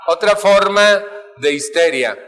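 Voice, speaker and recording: A man's voice: high voice, animated, slow, fairly bright tone, a little hiss or hum. A man with a Mexican accent giving a humorous talk to a live audience, playfully acting out family arguments with shifting voices. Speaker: speaker at a family recovery talk.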